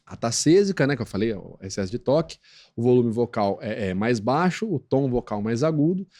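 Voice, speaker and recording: This is a man with a Brazilian accent, talking as a guest expert on a podcast. His pitch sits squarely mid-range, and his delivery is teacherly and explanatory. He leans on little tag questions to keep the listener with him, and he slips into squeaky acted-out voices when quoting others. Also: animated, a little fast, mellow. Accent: Brazilian Portuguese. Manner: didactic, peppers talk with tag questions; acts out quoted voices in a high squeak. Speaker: guest expert on lie detection. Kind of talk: explanatory podcast interview talk.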